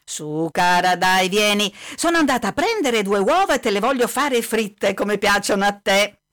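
A woman's voice: mid-range voice, animated, moderate pace, a bit bright, no room sound, clean studio sound, natural voice. A woman voicing a fussy, doting old grandmother in a comic radio play, scolding and coddling. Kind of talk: comic radio-drama acting.

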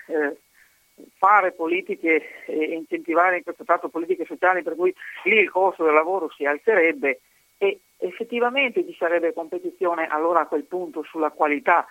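A woman's voice: deep voice, dry recording. A woman from Padua calling in to a radio show over a landline phone, talking hesitantly and restarting and repeating her words as she makes her point. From Padua, Italy. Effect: heard over a landline phone. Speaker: caller. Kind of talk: call-in radio comment. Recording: narrow tinny phone line.

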